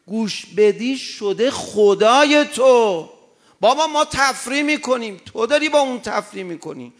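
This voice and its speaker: A man preaching a sermon, passionate, moving between loud urging and quiet storytelling. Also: very high voice, animated. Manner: impassioned, swings from loud exhortation to quiet anecdote. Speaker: cleric.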